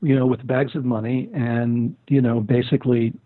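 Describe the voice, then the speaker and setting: A man's voice: mid-range voice, little pitch movement, normal speed, no echo. An older man talking as a guest, telling stories at length with many fillers and restarts. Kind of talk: casual interview talk. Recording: tinny phone-line sound.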